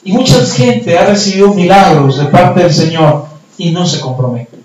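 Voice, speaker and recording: A male pastor preaches a sermon in a high voice and tells it as a story, dropping to hushed tones and then rising to shouts. He is recorded from far off in a strongly echoing hall, with faint noise underneath. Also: normal speed. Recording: echoey church hall from far off.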